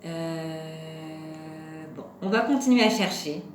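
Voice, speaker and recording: A young woman teaching preschoolers at home, talking in a patient, sing-song way and spelling out sounds slowly. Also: low voice, soft background music. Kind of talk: home-schooling lesson for young children. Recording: roomy echo with faint background hum.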